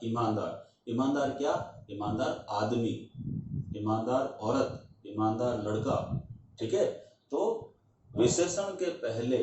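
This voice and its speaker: A man gives a classroom grammar lesson in a warm, mellow voice, asking questions aloud and then answering them himself. He is recorded from some distance in a strongly echoing room. The sound is dull, with a faint hiss underneath. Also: mid-range voice. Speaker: English teacher.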